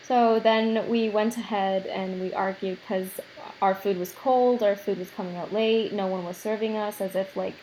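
A woman's voice: medium pitch, fairly even intonation, normal speed, dark tone, slight background noise, low-quality recording. Chatty young woman telling a story. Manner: chatty, storytelling with many fillers and laughs. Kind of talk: casual chat.

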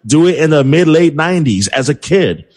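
A man's voice: fairly high pitch, expressive, moderate pace, darkish tone. A young man from New City, chatting about sports in a rambling, trash-talking way full of fillers. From New York City. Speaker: podcast guest, sports broadcaster. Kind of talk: casual sports chat.

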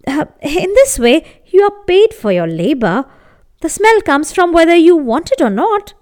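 Lady doing a poor hungry guy, stammery and pleading, high lively voice. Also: measured pace, exaggerated voice. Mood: reasoning.

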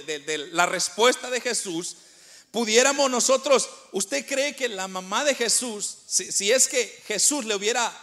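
High-pitched bright-voiced Latin American preacher. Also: male voice. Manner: addresses congregation as brother, rhetorical questions, repeats words. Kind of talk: sermon.

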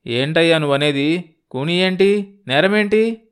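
A man's voice: on the high side, normal speed, clear, resonant tone, close to an everyday voice. A man voicing a worn-out, drink-ruined poor father who asks weak, bewildered questions. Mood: indignant.

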